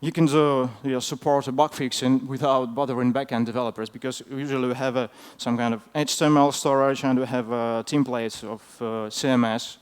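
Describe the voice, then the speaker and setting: A man who is a non-native English speaker gives an informal technical talk in a hesitant, halting way, often filling his pauses. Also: medium pitch, fairly even intonation, clean tone. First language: not English. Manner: hesitant, halting delivery with frequent fillers. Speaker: conference speaker.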